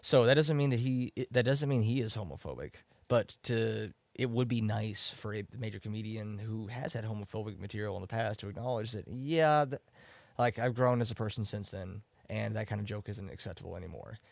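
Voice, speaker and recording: A man's voice: fairly low pitch, a little fast, vocal fry, dry recording. A man hosting a streamed debate, explaining his points step by step and working through examples. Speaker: debate host. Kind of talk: casual debate on a livestream.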